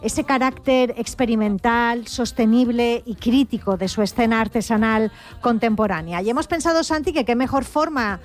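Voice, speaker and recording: A woman's voice: on the high side, normal speed. Fluent radio host woman. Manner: fluent, lively presenter. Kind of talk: radio travel show.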